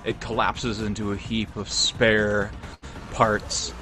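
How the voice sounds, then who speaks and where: A man running a tabletop game as game master, calmly narrating the scene for his players. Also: on the low side, slow pace, over music. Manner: calm descriptive narration.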